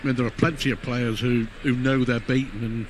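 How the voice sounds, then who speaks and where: A man's voice: medium pitch, steady tone, fairly quick. A man giving conversational live commentary on a darts match. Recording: clear venue noise behind commentary.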